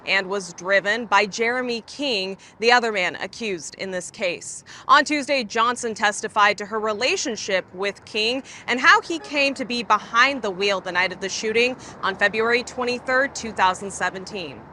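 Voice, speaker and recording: Woman, American accent, TV news reporter, scripted narration, bright crisp-edged tone, mid pitch. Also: normal speed, few pauses, a little hiss or hum.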